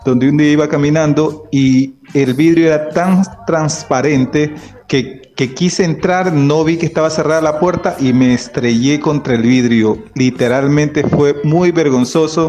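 A man's voice: fairly high pitch, steady tone, moderate pace, a little mellow, faint music behind. A man from Ecuador leaving an amused voice message for a radio show. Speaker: radio listener caller.

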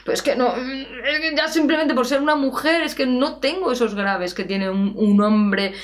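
Lively singing teacher woman. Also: high voice, normal speed. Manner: lively, chatty, animated with playful examples and laughs. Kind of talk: answering viewer questions.

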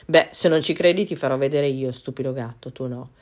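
A gigantic male ogre from a children's fairy tale, proud and quick to take offence, played by a woman narrator. He booms out his words slowly and loudly, boastful and impatient. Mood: gruff, boastful. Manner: booming, slow and loud. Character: huge fearsome male ogre, proud and irritable.

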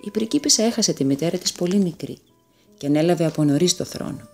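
A woman narrating a fairy tale in a calm, measured storytelling manner. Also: on the low side, creaky, soft background music.

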